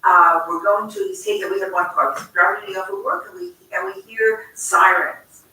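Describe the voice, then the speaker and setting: A woman's voice: mid-range voice, moderate pace, far from the mic. Older woman telling a story in an echoey room, heard from afar. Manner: animated, chatty, self-interrupting, laughs often. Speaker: congregant sharing a memory. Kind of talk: personal storytelling in a group discussion. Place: large community room at a congregation.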